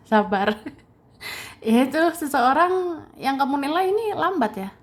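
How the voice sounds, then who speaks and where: Slow-talking woman giving a tarot reading. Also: fairly high pitch. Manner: slow, repetitive phrasing with soft chuckles. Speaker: tarot reader. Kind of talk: casual tarot card reading.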